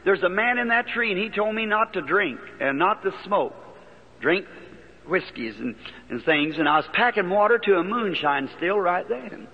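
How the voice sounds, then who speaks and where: A man preaching in a high, homespun voice, full of rural turns of phrase. The old archival recording sounds dull and lo-fi. Long reverb from a large hall trails behind his words. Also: expressive, moderate pace. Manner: folksy, plain-spoken storytelling with rural turns of phrase. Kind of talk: sermon storytelling.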